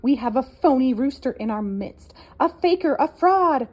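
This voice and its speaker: A woman voicing a bad-tempered, jealous old male goose who scoffs and drops his voice to a low hiss. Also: expressive, normal speed, lo-fi sound. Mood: accusing.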